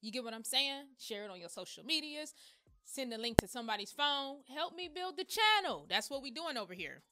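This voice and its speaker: A woman's voice: high voice, sing-song, a little fast, heavy background noise. A woman hosting a casual gossip commentary vlog, blunt and exclamatory, talking straight to her viewers. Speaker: host of a gossip commentary channel.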